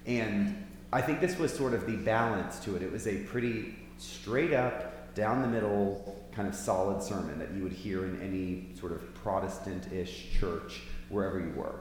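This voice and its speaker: Man's voice in a big echoing hall. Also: lowish voice. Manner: chatty, joking, conversational. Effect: big hall echo. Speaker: pastor. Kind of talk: casual Bible study teaching. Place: large church hall. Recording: echoey hall with faint hum.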